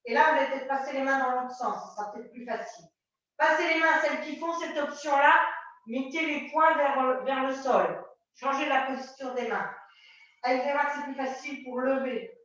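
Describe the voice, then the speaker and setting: Fitness instructor, woman, high and sharp-toned, encouraging cues, heard from afar in a very echoey studio with dull sound. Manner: brisk repeated instructions; encouraging, coaxing. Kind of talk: cueing a group floor exercise class. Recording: very echoey room, mic far off, dull sound.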